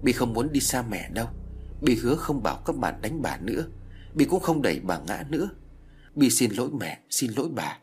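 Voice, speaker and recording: A man's voice: mid-range voice, big pitch swings, normal speed, darkish tone, faint music behind, natural voice. A man voicing a small ghost girl who clings to her mother, pleading in a childish, insistent way.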